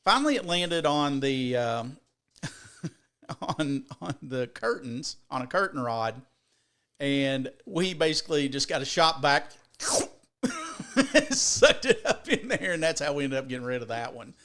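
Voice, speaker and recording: A man co-hosting a podcast, telling a rambling, profane story in an animated way with many restarts. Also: medium pitch, measured pace. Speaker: podcast co-host. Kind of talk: casual storytelling.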